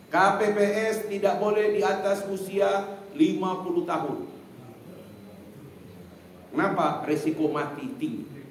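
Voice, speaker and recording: A man preaching a casual sermon in a mosque hall, lively and chatty, often addressing his listeners directly. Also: medium pitch, slight background noise. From Indonesia. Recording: very echoey hall, from far off.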